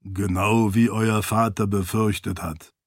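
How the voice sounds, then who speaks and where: A man voicing a deep-voiced, formal and courteous floating spirit servant in an audiobook. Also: steady tone, a little slow, no room sound, clean studio sound.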